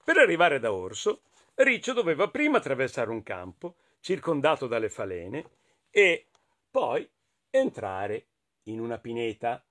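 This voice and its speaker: A man with an Italian accent reading a children's picture book aloud, expressive and playful, talking to his listeners. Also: mid-range voice, a little slow. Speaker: storyteller.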